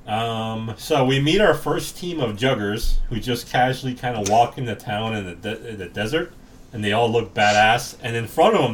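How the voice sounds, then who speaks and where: A man's voice: mid-range voice, a little hiss or hum. A young man co-hosting a casual movie podcast, loose and laughing, swearing freely. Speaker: podcast co-host.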